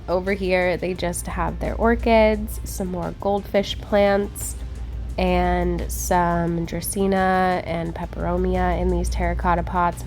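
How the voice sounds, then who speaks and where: A woman's voice: fairly low pitch, a little mellow. A woman hosting a casual plant-shopping vlog, talking in a chatty, informal, slangy way. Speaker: vlog host. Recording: background music, fan or vehicle hum.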